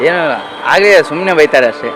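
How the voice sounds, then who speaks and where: A man's voice: a little high, quick pace, over music, rough recording. Bashful man. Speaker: passer-by interviewee. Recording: street noise behind.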